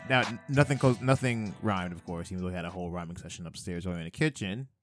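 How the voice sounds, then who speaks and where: A man's voice: sits low, fast talker, music in the background. A man co-hosting a casual chat podcast, rambling and joking with frequent stammered restarts. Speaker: podcast co-host.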